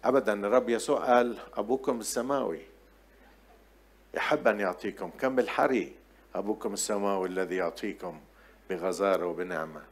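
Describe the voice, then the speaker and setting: A man preaches a sermon in a low voice. He talks in a loose, conversational way, breaking off and restarting as he tells stories to his congregation. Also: fast. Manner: storytelling, conversational with many restarts. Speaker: pastor.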